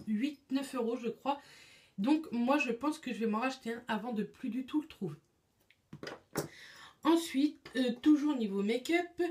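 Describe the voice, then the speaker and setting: A woman's voice: on the high side, darkish tone. A young adult woman chatting casually through her monthly makeup favorites, full of fillers and restarts. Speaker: beauty vlogger.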